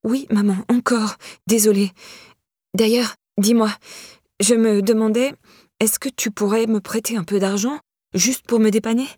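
A woman voicing a young woman in trouble, pleading and defensive, pitched higher than her narration. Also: fairly even intonation, moderate pace, warm tone, no echo, studio quality, lightly acted.

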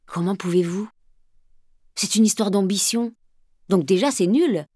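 A woman's voice: mid-range voice, measured pace, a little mellow, husky, no echo, studio quality. A woman voicing a sullen, scornful teenage boy who answers in curt, dismissive retorts.

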